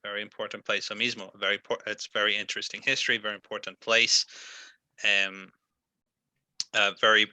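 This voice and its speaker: A young man, giving one-on-one English pronunciation coaching, patient and modeling words slowly with many fillers. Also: fairly low pitch, little pitch movement, pushed and bright, no room sound. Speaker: English teacher.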